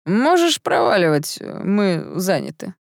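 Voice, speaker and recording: A woman reading an audiobook, voicing a drunk, carefree young man who teases and swoops between high and low notes. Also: very animated, takes it slowly, gravelly, no echo, studio quality, heavily acted. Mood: mocking.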